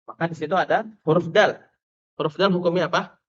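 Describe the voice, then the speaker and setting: A man giving a teacher-training lesson on Quran recitation rules, quizzing his listeners and spelling out letter names slowly. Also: a little high, steady tone. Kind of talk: teacher training lecture on tajwid. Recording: dull lo-fi lecture recording.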